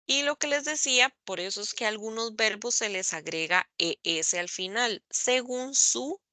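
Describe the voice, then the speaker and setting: A woman teaching English grammar in an online class, speaking slowly and carefully, spelling out letters and repeating examples. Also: on the high side, bright, forceful tone, no echo. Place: online meeting recording.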